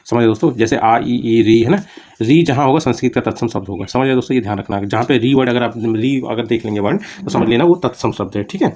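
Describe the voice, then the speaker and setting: A fast-talking man delivers an exam-prep Hindi grammar lecture, explaining terms simply through repeated examples, checking in often, and saying "ठीक है" and "दोस्तों" again and again. His voice is medium-pitched and darkish with lively intonation, over slight background noise.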